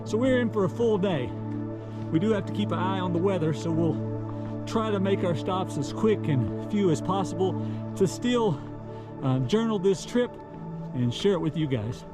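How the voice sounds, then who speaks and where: A man's voice: sits high, lively intonation, normal speed. A man vlogging a mountain hike outdoors, explaining the trail in an upbeat way and short of breath from climbing. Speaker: travel vlogger. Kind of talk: hiking vlog narration. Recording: music playing behind.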